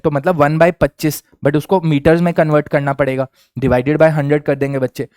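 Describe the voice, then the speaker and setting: A young man teaching physics in a lively classroom lecture, often checking in with his students with quick questions. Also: on the high side, dry recording, clean studio sound. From India. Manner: energetic, addresses students as kids, asks frequent check questions. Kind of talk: Hindi-English classroom lecture.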